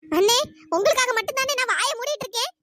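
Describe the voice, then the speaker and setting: A woman voicing a quick-tempered middle-aged mother in a comic skit, with a sharp, scolding manner. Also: very high-pitched, expressive. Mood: indignant. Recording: noisy home recording.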